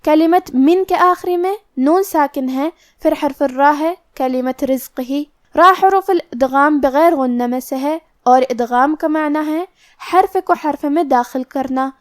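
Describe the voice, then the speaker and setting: A woman's voice: high-pitched, dry recording, clean studio sound. A woman teaching Quran recitation rules, explaining the pronunciation of each letter and mark step by step in a methodical way.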